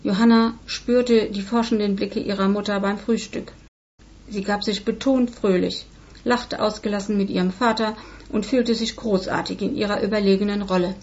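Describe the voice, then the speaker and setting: Woman narrator, storybook reading, expressive, slightly dull recording. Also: medium pitch, normal speed.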